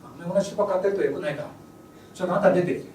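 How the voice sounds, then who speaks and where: A man's voice: sits high, lively intonation, very fast, darkish tone. A man leading an English speech workshop, lecturing energetically and breaking into English demonstrations. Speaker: workshop instructor. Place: event hall. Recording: echoey hall from far off, noisy.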